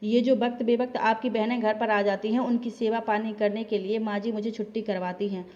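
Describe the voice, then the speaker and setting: A young working wife in a family story, firm and outspoken, voiced by a woman narrator. She reasons things out step by step in a slightly high voice, heard through a dull, lo-fi recording. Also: flat delivery, a little fast, mellow, close to an everyday voice.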